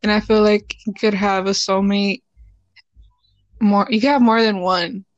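A woman's voice: medium pitch, steady tone, measured pace, no room sound, lo-fi sound. A young woman co-hosting a casual chat, blunt and teasing. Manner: blunt, teasing, frequent "like" fillers. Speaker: podcast co-host.

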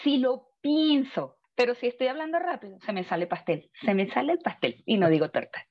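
A woman with a Venezuelan accent, chatting casually on a podcast, lively and quick to laugh as she tells anecdotes. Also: mid-range voice, lo-fi sound. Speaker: podcast co-host. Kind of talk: casual chat.

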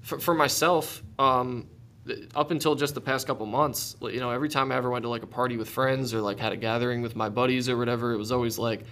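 A man's voice: mid-range voice, steady tone, quick pace, fairly bright tone. Earnest young man hosting a podcast. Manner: earnest, reflective, lots of filler "like". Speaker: podcast host. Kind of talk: casual conversation.

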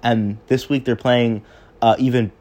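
A man's voice: medium pitch, fairly even intonation, measured pace, a little mellow. A young man hosting a casual sports podcast, recapping games off the cuff, with frequent restarts and stumbles. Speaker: podcast host.

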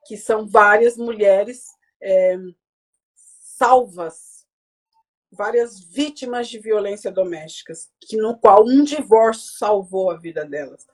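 A woman in her forties with a slightly husky, higher-pitched voice tells her story with real animation. She slips into other people's lines as she recounts them. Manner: animated, acts out quoted dialogue. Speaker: guest speaker. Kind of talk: emotional conversational storytelling.

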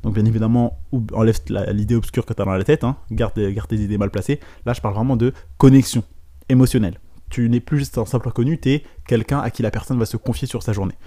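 A man's voice: mid-range voice, fast talker. A young man hosting a podcast, telling a story casually to the listener and acting out the lines of the people in it. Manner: addresses listener directly, quotes dialogue with lively voices. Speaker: podcast host, business coach.

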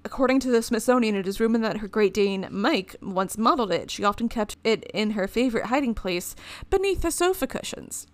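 A woman's voice: on the high side, expressive, brisk, hardly any pauses, no room sound. A woman co-hosting a podcast, telling a history story in a rambling, casual way and laughing often. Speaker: podcast co-host.

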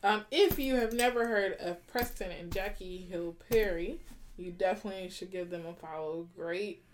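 A woman's voice: medium pitch, moderate pace, slight background noise. A woman co-hosting a relationship podcast, talking casually and with animation, laughing and teasing her partner. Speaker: podcast co-host.

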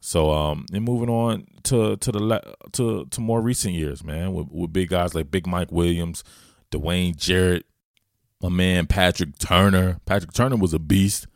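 Speaking in a low, steady voice at a measured pace with vocal fry, a Southern US host and football analyst delivers slangy solo commentary, talking to listeners like old friends. The studio-quality recording has no room sound.

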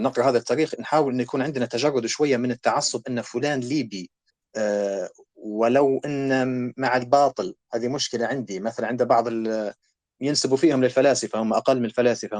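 Rapid-fire Libyan man arguing passionately. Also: medium pitch, darkish tone, no room sound. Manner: passionate, argumentative. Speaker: guest scholar. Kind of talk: discussion in a talk show.

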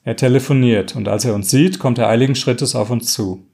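A man reading a first-person story aloud in a calm, measured way, now and then correcting himself mid-sentence. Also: medium pitch, gravelly. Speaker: story reader.

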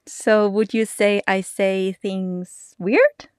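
A woman's voice: medium pitch, steady tone, smooth, dry recording, clean studio sound. A middle-aged woman with a non-native English accent, a mother talking casually to the camera and laughing often. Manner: slow and careful, laughing often. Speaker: mother and vlogger.

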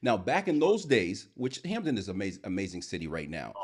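A man's voice: on the low side, brisk, husky. A man hosting a podcast, talking in an emphatic, hyped-up casual way. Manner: animated, emphatic, hypes the show. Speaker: podcast host.

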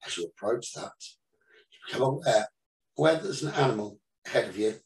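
A man serving as teacher leads a guided meditation, offering soothing instructions in short phrases separated by pauses. His medium-pitched voice is expressive with vocal fry, and the recording has a roomy echo from being distant from the mic.

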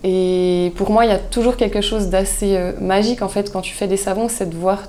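Mellow-voiced woman. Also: medium pitch, a little fast. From Switzerland. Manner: relaxed, thoughtful, many hesitations, laughs easily. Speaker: guest, soap maker. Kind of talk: casual interview chat.

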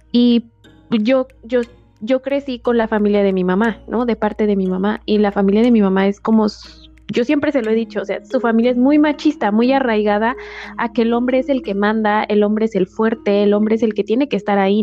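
Young woman chatting candidly, mellow higher voice, kinda muffled audio with faint music. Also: fairly even intonation, normal speed. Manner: candid, many filler tags. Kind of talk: casual chat.

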